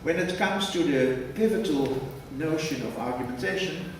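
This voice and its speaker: Recorded from a distance in a noisy, echoing hall, a Dutch-speaking academic gives a formal conference lecture. His voice sits a little high, and he reads a prepared text in a measured way with precise wording.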